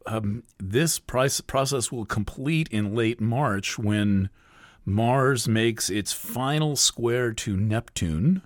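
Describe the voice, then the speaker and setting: A man giving a spoken astrology forecast in a thoughtful, hesitant way, with many pauses and fillers. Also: mid-range voice, no echo, studio quality. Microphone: close voice recording.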